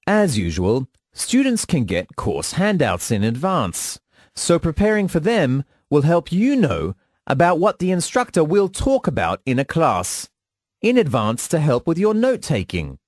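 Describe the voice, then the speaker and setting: A man's voice: fairly high pitch, very animated, no echo, studio quality. Man giving a formal scripted lecture. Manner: measured, formal, instructive. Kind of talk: scripted instructional monologue.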